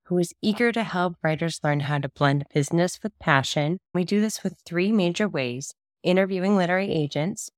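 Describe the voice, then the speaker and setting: A lowish-voiced woman in her thirties talks briskly with few pauses as she introduces her podcast and chats casually. She's a book coach, cheerful and enthusiastic, her voice a bit scratchy from a cold, in a dry studio-quality recording.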